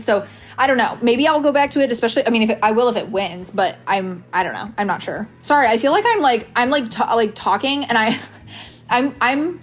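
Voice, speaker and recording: A woman giving casual, opinionated vlog commentary on books in an animated, emphatic way, with music behind her. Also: mid-range voice. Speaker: book reviewer with a video channel.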